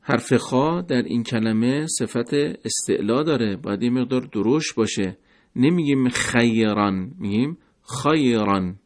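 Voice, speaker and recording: Male teacher, mid pitch, patient lesson delivery with slowed word demonstrations. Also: darkish tone. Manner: slow, deliberate, repeats words to demonstrate sounds. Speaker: recitation teacher. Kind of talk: pronunciation lesson.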